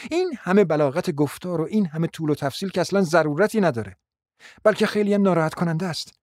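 A proud, bitter young woman , played by a man in a radio drama, sharp and scornful in a high voice. The sound is dry and close. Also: expressive, no room sound, natural voice.

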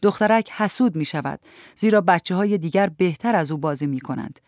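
A narrator reading a literary story aloud in a measured, even storytelling manner. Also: mid-range voice, no echo, studio quality. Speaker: audiobook narrator.

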